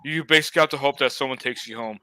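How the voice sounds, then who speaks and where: A man's voice: medium pitch, racing, sharp tone, clear, resonant tone. A young man hosting a live-stream hangout, chatting in a laid-back, rambling way with lots of fillers. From Los Angeles area. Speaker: host. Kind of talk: casual live-stream chat.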